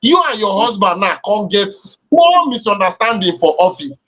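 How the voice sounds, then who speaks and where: This is a Nigerian-accented man with a notably high-pitched voice. He comments conversationally as a talk show co-host, moving back and forth between English and Nigerian Pidgin. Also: big pitch swings, normal speed, fairly bright tone.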